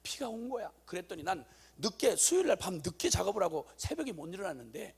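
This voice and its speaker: Animated gravelly Korean-speaking preacher man. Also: high-pitched, fast. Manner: animated storytelling, acting out voices, rising to shouts. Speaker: missionary preacher. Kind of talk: sermon testimony.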